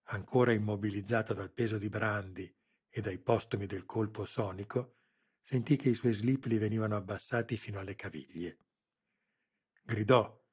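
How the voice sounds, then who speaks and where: Male audiobook narrator, husky, low, measured scripted narration. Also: a little mellow.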